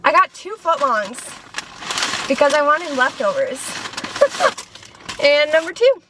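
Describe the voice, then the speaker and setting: A woman's voice: sits high, sing-song, takes it slowly, noisy background. A young woman chatting casually in a food vlog, rambling and poking fun at herself while filming in her parked car. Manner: chatty, rambling, self-deprecating. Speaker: food vlogger. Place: inside a parked car in a store parking lot. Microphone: camera on a tripod in the car window.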